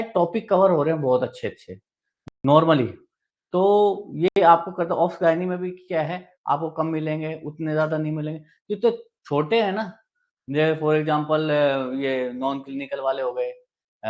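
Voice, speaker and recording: A man's voice: fairly high pitch, fairly even intonation, moderate pace, darkish tone. A male teacher running a live online exam-prep class, explaining step by step, repeating key terms and answering his own questions. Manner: mixes English technical terms into Hindi speech. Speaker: medical exam coaching teacher.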